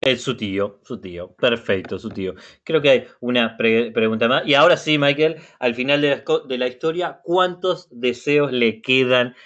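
Give me a male teacher on a video call, mid-pitched voice, muffled sound, encouraging and repetitive. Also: moderate pace, hardly any pauses, fairly bright tone. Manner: encouraging, repeats words often. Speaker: language facilitator. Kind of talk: reading a story and quizzing learners. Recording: muffled web meeting audio.

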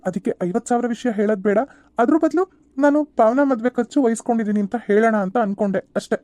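Woman playing a cartoon young husband, calm and caring, a little high, mellow tone, soft reassuring delivery. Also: fast talker, no room sound, lightly acted. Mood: gentle. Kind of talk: cartoon serial voice acting.

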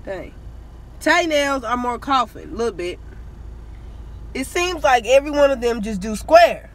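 Sitting in a parked car, a young beauty vlogger holds her phone camera at arm's length and delivers an indignant, animated rant. Her voice is on the high side, and she speaks at a measured pace in this casual vlog to camera.

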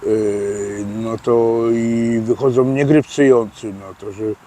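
A man's voice: mid-range voice, steady tone, takes it slowly, mellow. A man giving casual interview answers outdoors, hesitant and full of fillers and restarts. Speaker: interviewee explaining prison slang. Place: outdoors by a street.

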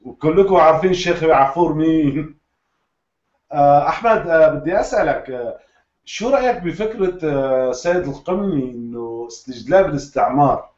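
A man's voice: fairly high pitch, lively intonation, fairly quick, darkish tone. Levantine man hosting over an echoey call. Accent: Levantine Arabic. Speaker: host. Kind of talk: online panel discussion. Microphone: internet call. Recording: dull lo-fi call audio in echoey room.

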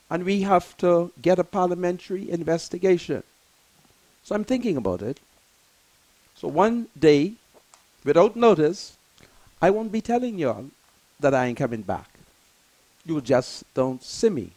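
Impassioned Bahamian man, high lively voice. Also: rough recording. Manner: impassioned, swings from loud preaching to low muttering; gestures broadly while talking. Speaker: radio talk show host. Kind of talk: emotional talk radio monologue. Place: small radio studio. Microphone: headset mic.

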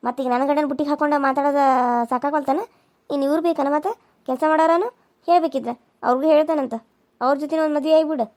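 A woman's voice: sits high, fairly even intonation, fast, pauses often, lightly acted. A woman voicing a jealous, taunting elder sister-in-law in a cartoon serial, with a North Karnataka Kannada accent. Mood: scolding. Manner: sharp, taunting.

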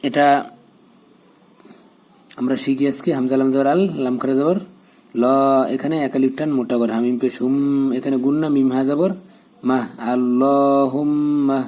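A man teaching a prayer, rattling off letter-by-letter spelling and then drawing each joined phrase out in a slow chant. His voice is mellow and dark, with little rise and fall. The delivery is patient and methodical. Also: medium pitch, fairly even intonation. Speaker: Quran recitation teacher. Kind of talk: spelling out and reciting Arabic prayer.

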